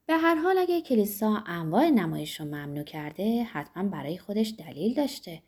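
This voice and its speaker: A woman's voice: mid-range voice, very animated, darkish tone, husky. A woman reading a stern moralizing priest. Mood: disapproving. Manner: preachy, disapproving. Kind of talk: audiobook character reading.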